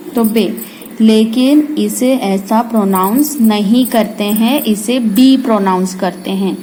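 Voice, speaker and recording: A woman tutor, patiently teaching phonics at a slow pace, sounding out letters and repeating them. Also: mid-range voice, a little mellow, a little hiss or hum, poor audio. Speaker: home tutor. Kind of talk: slow phonics lesson for parents and kids.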